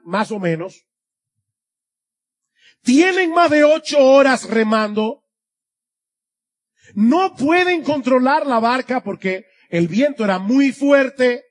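A man preaching an expository sermon to his congregation, earnest, with a voice that swells and drops for emphasis. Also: high-pitched. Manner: earnest, rising and dropping for emphasis. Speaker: pastor.

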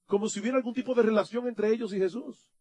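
Man preaching a sermon, high voice, dramatic shifts from hushed to loud, rhetorical questions. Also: fast, husky. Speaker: pastor.

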